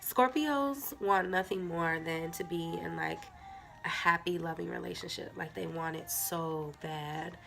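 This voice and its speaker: The audio is poor, with slight background noise, as a woman with a stuffy nose reads tarot to camera. Her lowish voice is gravelly with a sharp tone and a somewhat slow pace, and she chats to viewers with lots of filler.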